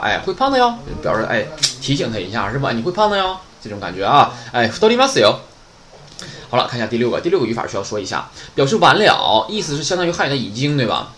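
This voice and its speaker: A man's voice: medium pitch, fairly bright tone. A man teaching beginner Japanese in a casual, chatty online lesson, often asking "right?".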